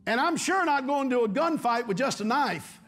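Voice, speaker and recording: A middle-aged pastor with a strikingly high voice preaches from a church stage. He drives his points home by repeating his phrases and calling out for amens and hallelujahs from the congregation. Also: expressive, moderate pace, a bit bright. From Texas. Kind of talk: sermon.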